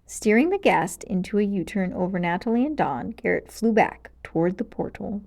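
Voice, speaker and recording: A woman reads a children's storybook aloud at normal speed and medium pitch. Her narration is expressive, dramatic and clearly paced.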